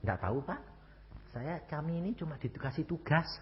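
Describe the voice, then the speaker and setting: A man voicing a young male hired killer, speaking in a curt, flat way, in a hall with long reverb. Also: on the high side, normal speed, muffled recording, a little hiss or hum, lightly acted. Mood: blunt.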